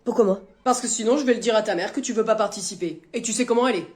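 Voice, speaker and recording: A woman's voice: a little high, racing, natural voice. A woman playing a smug male teacher who needles a pupil in a mock-fatherly way. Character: smug middle-aged male teacher, teasing.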